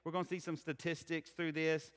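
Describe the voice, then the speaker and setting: A man's voice: a little high, level tone, a little fast. A middle-aged man with a Southern American accent, preaching a sermon in a conversational, candid and earnest way. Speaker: pastor. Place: church sanctuary. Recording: echoey church hall.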